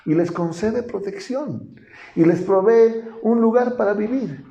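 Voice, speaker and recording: A man's voice: sits high, unhurried, gravelly, warm tone. A male pastor, preaching a sermon, asking the congregation questions and acting out voices from the story. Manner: asks the congregation questions and acts out quoted speech. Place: church hall. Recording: roomy church sound, slightly dull.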